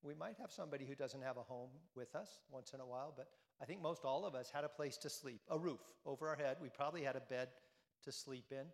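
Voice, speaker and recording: A man's voice: mid-range voice, fast talker, gravelly, long reverb tail. A man giving a conversational sermon to a congregation, often repeating phrases and asking them questions. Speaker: priest. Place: church.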